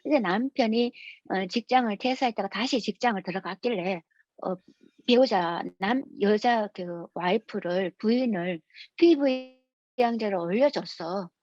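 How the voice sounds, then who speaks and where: A woman's voice: mid-range voice, a little slow, darkish tone, no room sound, muffled recording. A woman giving a lecture, explaining rules through anecdotes in a storytelling manner.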